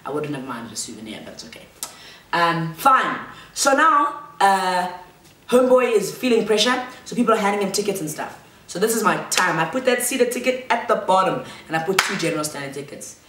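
A young adult woman vlogger, seated in a large living room, tells a chatty, slangy storytime monologue in a loud voice. Her medium-pitched voice swings widely in pitch and moves fairly quickly. A fixed camera across the room picks her up, giving a roomy echo and slight background noise.

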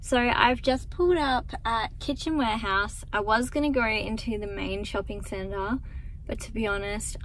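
A woman's voice: medium pitch, slight background noise, rough recording. Chatty woman vlogging to camera. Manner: chatty and relaxed, talks straight to viewers. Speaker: lifestyle vlogger. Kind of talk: casual vlog chat to camera. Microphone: handheld camera at arm's length.

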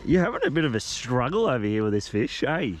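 An Australian man shouts excited commentary into an action camera on a fishing boat at sea. He talks loudly and swears casually, with a mid-range voice. Wind, water and the engine roar clearly behind him. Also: mid-range voice, quick pace. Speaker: fishing vlogger. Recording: outdoor boat noise.

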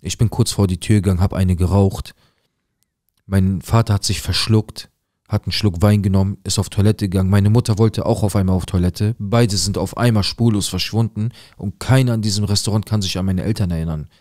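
A man narrating a dramatic first-person story, mostly low and hushed, with agitated quoted outbursts. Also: fairly even intonation, fairly quick, no room sound, studio quality. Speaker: storyteller recounting a viewer's story.

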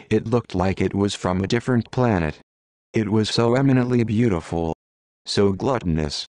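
A man reading an audiobook aloud in a deadpan, matter-of-fact way. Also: lowish voice, dry recording, studio quality. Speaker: audiobook narrator. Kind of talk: scripted audiobook narration.

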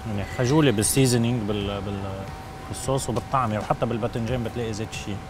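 A man's voice: on the low side, steady tone, very fast, music in the background. A man with a Lebanese Arabic accent giving detailed technical feedback as a judge on a cooking competition. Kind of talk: casual critique. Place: bright indoor TV studio set.

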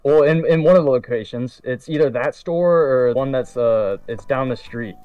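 A man's voice: mid-range voice, normal speed, dry recording, distant mic, highs cut off. A man with a mid-range voice makes casual prank calls, hesitant and apologetic. He sits a bit away from the mic in a home room, and faint music plays behind him. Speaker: prank caller and co-host.

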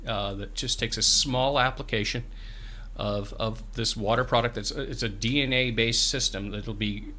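A mid-range male voice at a moderate pace, with fairly even intonation and a pushed, bright quality, belongs to a farm bureau representative in his fifties. As a guest in a small radio studio, he earnestly explains programs, often restarting his words, speaking into a boom-arm studio mic with headphones on.

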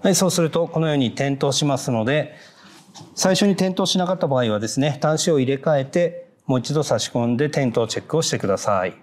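A man giving a polite, measured, step-by-step how-to narration on fitting car parts, marking each step with a short "hai". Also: medium pitch, expressive. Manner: polite, measured, repeats "hai" between steps. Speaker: product installation instructor.

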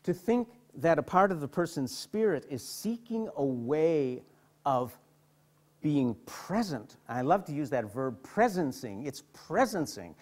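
A man's voice: on the high side, sing-song, measured pace, a little mellow. A middle-aged man, a psychotherapist, lecturing to an audience and telling stories animatedly, often repeating and restarting words. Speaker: psychotherapist giving a hospital lecture.

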